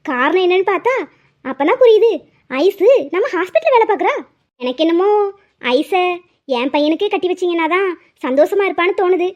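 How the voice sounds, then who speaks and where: A woman's voice: very high-pitched, lively intonation, fairly quick, pauses often. A woman voicing a well-off, kind middle-aged mother in a cartoon, speaking in an earnest, reassuring way. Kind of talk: cartoon voice acting. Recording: dull lo-fi audio.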